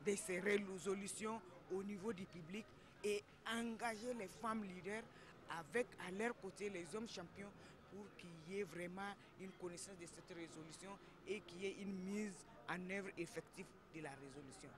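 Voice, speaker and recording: High-voiced man with crowd behind. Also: moderate pace. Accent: Burkinabe French. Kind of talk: news interview soundbite.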